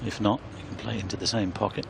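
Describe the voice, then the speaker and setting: Bloke commentating on snooker, talks fast, lowish voice, noisy background. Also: male voice, steady tone. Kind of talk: live sports commentary. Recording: clear background noise.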